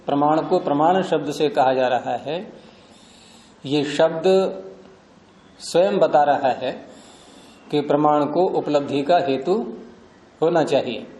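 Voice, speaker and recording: A man lectures a class in a patient, explanatory way, asking questions and then answering them himself. His voice sits a little high but sounds mellow. The room gives it a noticeable echo. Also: takes it slowly, pauses often. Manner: patient, repeats and rephrases terms, asks and answers his own questions. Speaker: teacher of Sanskrit philosophy. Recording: echoey room.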